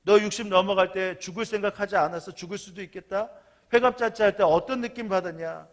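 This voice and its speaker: A gruff, scolding God from a sermon anecdote, as a preacher puts him on. He hectors and lectures in a fairly high male voice, everyday rather than theatrical. The telling is part of a church sermon. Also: quick pace, close to an everyday voice.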